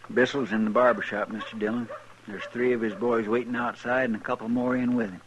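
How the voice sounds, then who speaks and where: An actor playing a loyal, worried frontier deputy who speaks deferentially with a drawl, in a 1950s radio western. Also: male voice, mid-range voice, flat delivery, a little fast, dull audio, slight background noise, natural voice. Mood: earnest. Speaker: marshal's deputy. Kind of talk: 1950s radio drama acting.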